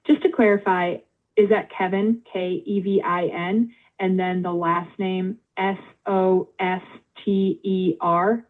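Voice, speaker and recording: A woman's automated phone voice acting as an intake agent, polite and measured, reading back details in scripted prompts. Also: medium pitch, flat delivery. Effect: automated phone-line voice. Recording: tinny phone line.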